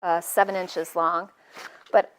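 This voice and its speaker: In a low-quality recording, a middle-aged woman with a lowish, level voice speaks slowly. She hosts a live sewing tutorial from her studio, keeping things chatty and self-deprecating with jokey asides as she works.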